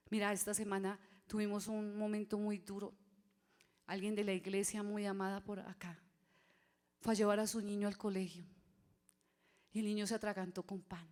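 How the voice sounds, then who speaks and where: A woman preaching a sermon in church, swinging between loud cries and hushed whispers. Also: medium pitch. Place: church sanctuary.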